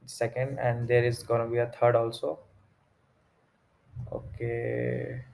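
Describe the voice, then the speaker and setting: A young man with a North Indian accent giving an informal tech tutorial, haltingly thinking aloud as he works through the steps. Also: mid-range voice, monotone, creaky, a little mellow. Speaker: tutorial presenter. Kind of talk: informal screen-recorded tech walkthrough.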